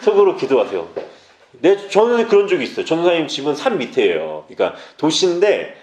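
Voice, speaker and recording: A man preaching a youth sermon in an echoey church hall, his voice sitting on the higher side and swinging widely up and down. He presses his listeners with urgent, direct appeals and breaks in with playful asides. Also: huge pitch swings, brisk, darkish tone, highs cut off, slight background noise. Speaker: junior pastor. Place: church sanctuary.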